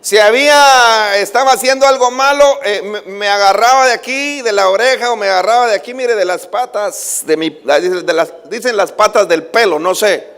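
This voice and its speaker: High-voiced pastor preaching in a reverberant hall. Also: male voice, normal speed, few pauses, smooth. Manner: preaching with swings between loud calls and soft asides. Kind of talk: sermon. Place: church hall. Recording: livestream with long hall reverb.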